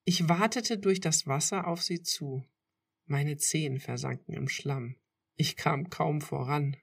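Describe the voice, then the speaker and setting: A woman reading a first-person romance story aloud in a slow, intimate storytelling manner. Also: low voice, gravelly, breathy edge. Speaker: podcast reader.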